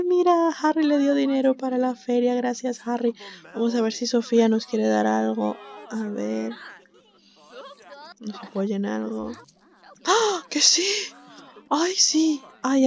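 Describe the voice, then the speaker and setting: A woman's voice: a little high, gravelly, warm tone, highs cut off. A woman giving chatty, sympathetic game commentary, laughing often. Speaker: gameplay commentator. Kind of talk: casual let's-play commentary.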